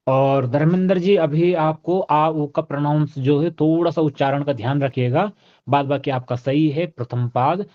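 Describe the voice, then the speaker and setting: A man teaching an online class, correcting his students' pronunciation and leading them through slow, deliberate Sanskrit recitation. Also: on the high side, highs cut off. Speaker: yoga chanting teacher.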